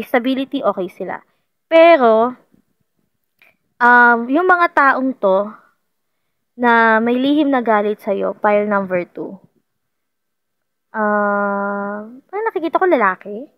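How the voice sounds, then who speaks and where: A woman's voice: on the high side, dry recording, dull audio. A woman doing a casual tarot reading for viewers, chatty and playful, often repeating herself and laughing. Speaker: tarot card reader.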